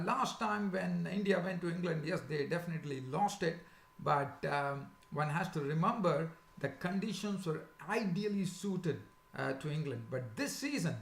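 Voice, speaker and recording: Male sports preview host, sore swollen throat with some creak, halting delivery, echoey room. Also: a little high. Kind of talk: casual unscripted sports preview commentary. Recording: echoey, roomy sound.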